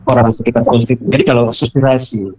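A man's voice: medium pitch, level tone, fast talker, darkish tone. A man, a customary community adviser explaining things earnestly over a phone line that crackles and cuts in and out. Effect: crackly phone line cutting in and out. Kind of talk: phone interview.

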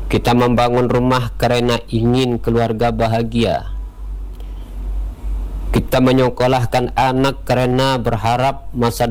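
A man giving a radio sermon in a measured way, opening with Arabic prayer formulas. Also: medium pitch, a little mellow, low-quality recording. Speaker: radio preacher.

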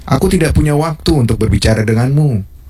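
Man playing an imperious king with a husky voice. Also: mid-range voice, fairly quick, darkish tone, close to an everyday voice. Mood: dismissive. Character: stern, dismissive adult male king in his palace. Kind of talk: Indonesian historical drama dialogue.

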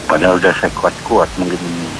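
A man's voice: sits low, flat delivery, fast, music in the background. A man calling in to a radio show, his voice faint and distant as if the phone is held away from him, chatting casually and searching for words. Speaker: radio call-in listener. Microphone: phone call. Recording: hissy phone line.

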